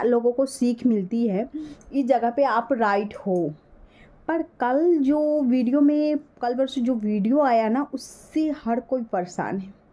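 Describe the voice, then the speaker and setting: A woman's voice: a little high, warm tone. A woman vlogger talks casually to her phone while seated at home, speaking earnestly and lecturing the person she addresses. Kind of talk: casual talking-to-camera vlog. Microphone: handheld phone. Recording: dull lo-fi phone audio.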